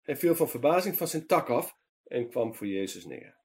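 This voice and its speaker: A man reading a children's Bible story in a lively storytelling manner for a meditation program. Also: mid-range voice, normal speed, slightly rough.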